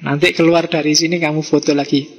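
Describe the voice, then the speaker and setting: A man's voice: on the high side, little pitch movement, fast. A man with a Javanese accent giving a casual, teasing philosophy lecture to a live audience, full of rhetorical questions and local slang. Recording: hall reverb with faint music.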